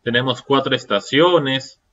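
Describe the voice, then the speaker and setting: A man's voice: mid-range voice, unhurried, fairly bright tone, highs cut off. Man lecturing with rhetorical questions. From Peru. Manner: rhetorical questions, frequent checking "¿sí?". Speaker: seminar lecturer. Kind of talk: online seminar lecture.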